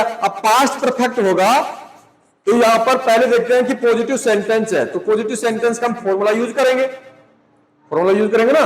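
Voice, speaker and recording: High-voiced man teaching in an echoey hall. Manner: asks students questions and answers them himself; spells out English words letter by letter. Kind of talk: classroom grammar lesson. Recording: echoey room with long reverb.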